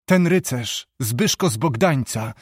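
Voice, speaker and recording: A man voicing an anxious noble duchess, speaking urgently and pleading in a raised, higher voice. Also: lively intonation, slow, slightly rough, dry recording, studio quality.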